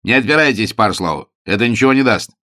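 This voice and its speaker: A man voicing a brash, forceful aristocrat who talks loudly and theatrically in an audiobook. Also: on the low side, animated, brisk, no echo, clean studio sound, pitched above the performer's own voice. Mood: accusing. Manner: loud commanding theatrical.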